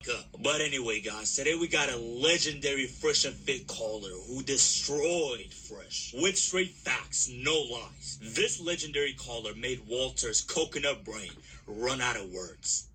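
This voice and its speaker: A man's voice: medium pitch, lively intonation, measured pace, hardly any pauses, sharp tone, slight background noise, rough recording. Mocking male commentary host. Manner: mocking, insulting. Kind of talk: reaction commentary.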